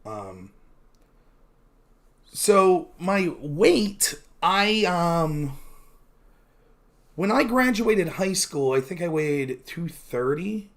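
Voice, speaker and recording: A man's voice: on the high side, big pitch swings, drawn-out words, long pauses. A man in his thirties, chatting candidly on his own stream, rambling with many fillers and poking fun at himself. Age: 30s. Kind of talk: casual solo stream chat.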